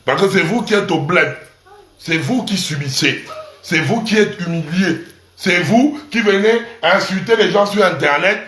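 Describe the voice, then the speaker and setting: The speaker is a man, an online commentator, whose high-pitched, fairly bright voice comes through roomy sound at an unhurried pace. He delivers a crude, provocative rant to camera, mocking his audience and hammering points home by repeating syllables.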